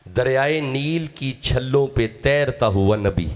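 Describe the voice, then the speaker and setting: A man from Pakistan with a Punjabi accent, preaching an emotional sermon, dramatic and urging his audience to respond. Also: medium pitch.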